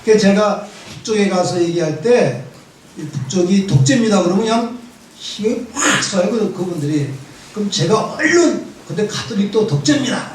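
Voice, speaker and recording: A man's voice: sits high, a little hiss or hum. A man in his seventies, a priest giving a conversational Bible lecture, telling stories with wry humor in a church hall. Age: 70s. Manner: lively storytelling with wry humor. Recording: very echoey church hall from far off.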